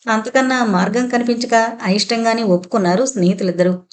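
A woman narrating a suspense novel in a steady, even storytelling manner. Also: fairly high pitch, fast talker. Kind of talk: scripted audiobook narration.

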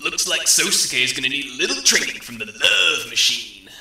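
A man's voice: mid-range voice, very animated, normal speed, creaky, pushed and bright, breathy edge, no echo, full character voice. A man voicing a smug, know-it-all young sidekick in an anime parody, teasing and self-satisfied.

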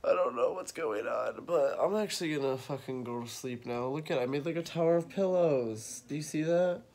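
A man's voice: on the high side, normal speed, darkish tone. A young man with a head cold vlogging casually, rambling and swearing as he talks, at times from a car. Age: young adult. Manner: rambling, exclamatory, swears freely. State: sick with a head cold, congested. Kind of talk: casual day-in-the-life vlog. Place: in a car, later at home. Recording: noisy car background.

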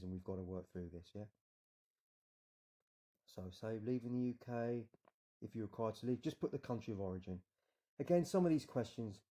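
Speaking in a warm, low voice with a British accent, an immigration adviser from the United Kingdom talks casually through an online form in a screen-recorded walkthrough. He keeps the tone reassuring and regularly drops in "yeah?".

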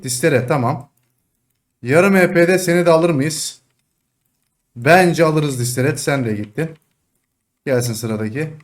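A young man commentating his own online game match, excitable, taunting opponents with sudden shouts and dropping to low mutters. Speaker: gaming streamer. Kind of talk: live gameplay commentary.

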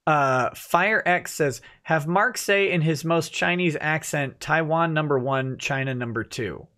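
Speaking into a headset boom mic, a live stream host in his thirties chats and laughs his way through viewer comments, reading them out loud. His voice is fairly high, unhurried, pushed, and bright. He broadcasts from a home office studio indoors.

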